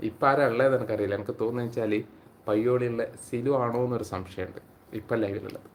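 A man's voice: medium pitch, fairly even intonation, fast, slight background noise. A man, hosting a casual live stream on his phone and chatting with viewers by name. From Kerala, India. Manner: chatty, greets viewers by name and reads their comments aloud.

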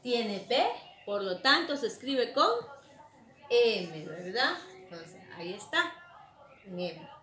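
Slow, patient woman teacher in an echoey room. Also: medium pitch, very animated, a bit bright. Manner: slow, patient, asks questions and answers them herself; drawn-out, emphatic pronunciation of words. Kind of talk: online spelling lesson for children.

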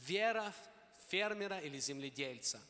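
Male live interpreter, quick to follow each line, bright and high, handheld mic in a reverberant hall. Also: expressive. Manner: follows each phrase closely, occasional self-corrections. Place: large church auditorium. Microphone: handheld microphone.

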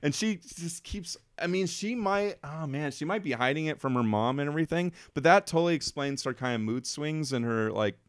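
A fairly high-pitched man speaks animatedly at normal speed with hardly any pauses, in a studio-quality recording with no room sound. He co-hosts a podcast, chatting casually and emotionally about a film in a rambling, filler-heavy way.

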